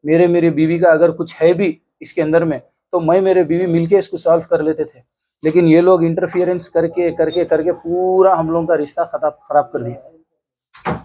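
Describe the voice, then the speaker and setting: A man in his thirties with a Hyderabadi accent, giving an earnest, halting news interview. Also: fairly high pitch, little pitch movement, mellow. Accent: Hyderabadi Hindi. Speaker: interviewee, complainant. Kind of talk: news interview, recounting an attack.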